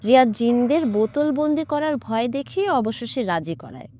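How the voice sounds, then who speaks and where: A woman narrating a horror audiobook in a dramatic, expressive storytelling manner. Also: on the high side, moderate pace, slight background noise.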